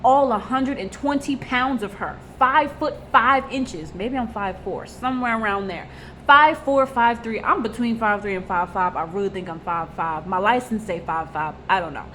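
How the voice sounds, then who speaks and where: A woman in her 20s vents in a personal confessional vlog, speaking bluntly and rawly with lots of fillers and repeated phrases. Her voice is medium-pitched and fairly bright, at a normal speed. There's slight background noise.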